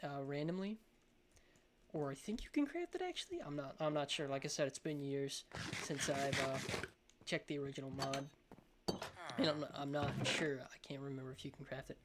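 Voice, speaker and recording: Male game showcase host, mid-pitched with a lisp, rambling and hesitant delivery, clearly noisy audio. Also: little pitch movement, fairly quick, a bit bright. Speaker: gaming video host. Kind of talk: casual game showcase commentary.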